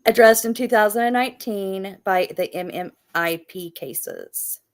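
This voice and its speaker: A woman's voice: medium pitch, measured pace. A woman with a Midwestern accent co-hosting a podcast in casual chat. She reads from her notes and spells words out letter by letter. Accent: Midwestern American. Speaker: podcast co-host.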